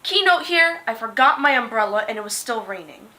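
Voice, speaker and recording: Young woman vlogger, late teens: high, bright voice, animated and dramatic storytelling. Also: fairly quick. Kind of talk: story time vlog.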